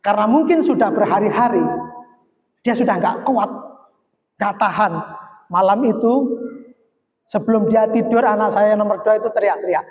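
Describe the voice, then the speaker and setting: A woman's voice: mid-range voice, moderate pace, pauses often. A middle-aged woman giving a heartfelt testimony to a church congregation, telling her story earnestly. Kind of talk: testimony sermon. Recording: echoey hall, dull lo-fi sound.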